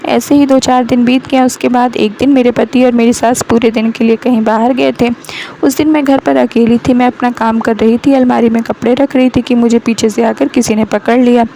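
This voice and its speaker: A woman storyteller narrates a family drama in the first person. Her voice sits a little high but sounds mellow and dark, with a gravelly fry. Faint background hiss runs under the recording. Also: steady tone, normal speed, rough recording. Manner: reads every part herself, mother-in-law and man included, in her own voice.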